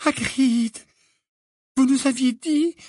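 A man voicing a frightened, pleading teenage girl in an audiobook, shrill and breathless. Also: moderate pace, slightly rough, no room sound, studio quality. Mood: distressed. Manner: shrill, breathless and high-pitched. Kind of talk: audiobook character reading.

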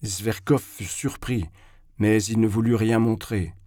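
A man reading a first-person novel aloud in a measured, bitter inward tone. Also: on the low side, fairly even intonation, mellow, no room sound, clean studio sound. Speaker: audiobook narrator. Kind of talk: first-person literary narration.

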